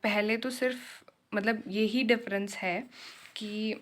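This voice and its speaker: Unhurried woman sharing class notes. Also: medium pitch, steady tone, fairly bright tone. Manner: unhurried, switching Hindi and English, self-correcting. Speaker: German learner teaching her class notes. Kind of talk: casual lesson.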